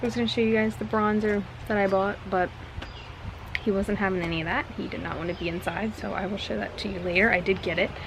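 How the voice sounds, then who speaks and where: A woman's voice: medium pitch, fairly even intonation, quick pace. A woman vlogging outdoors in a casual chat to her camera, rambling and correcting herself as she goes. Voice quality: rambling, chatty, self-correcting. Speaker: beauty vlogger. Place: outdoors, walking and at a backyard swing. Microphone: camera mic, handheld then on a tripod. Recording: outdoor noise behind the voice.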